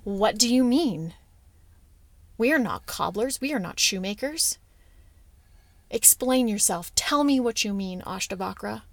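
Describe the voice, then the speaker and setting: A proud king makes indignant demands, as a woman storyteller acts him out. His lines come slowly, with a gravelly edge, in a storybook telling. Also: mid-range voice, a little mellow, no echo. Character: proud offended king, commanding.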